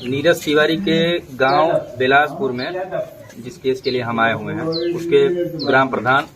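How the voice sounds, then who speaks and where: A man's voice: medium pitch, measured pace, a loud crowd. A man reporting from a village, politely interviewing locals and closing with a formal appeal.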